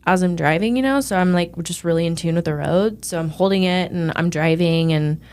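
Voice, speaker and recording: A woman's voice: lowish voice, a little fast, a little mellow. A woman hosting a podcast, chatting in a playful, teasing way with lots of "like". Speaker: podcast host. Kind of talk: casual chat.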